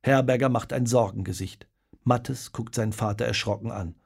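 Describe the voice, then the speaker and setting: A man reading a children's story aloud, dramatic and lively in his storytelling. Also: mid-range voice, normal speed, creaky, breathy edge. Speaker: narrator. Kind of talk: storybook narration.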